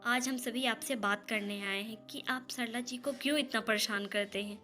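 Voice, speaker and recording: A woman's voice: fairly high pitch, steady tone, normal speed, pushed and bright, soft background music. A woman reading as a firm, determined neighbor lady. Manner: firm, reassuring.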